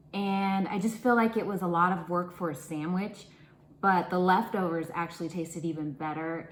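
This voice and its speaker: A home-cooking vlogger with a fairly low voice chats and pokes fun at herself while making and sampling food in her kitchen, even talking mid-bite. The poor audio is reverberant, with slight background noise.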